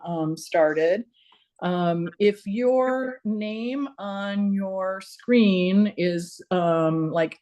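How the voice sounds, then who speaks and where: A woman's voice: mid-range voice, a little mellow. A woman hosting an online town hall over a video call, chatty, with many fillers and restarts. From not from Georgia.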